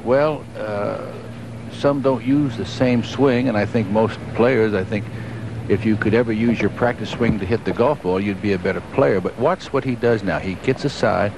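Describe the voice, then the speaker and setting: A man's voice: lowish voice, moderate pace. A man working as a golf analyst, explaining technique step by step in conversational live commentary on a 1980s broadcast. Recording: noisy 1980s television broadcast.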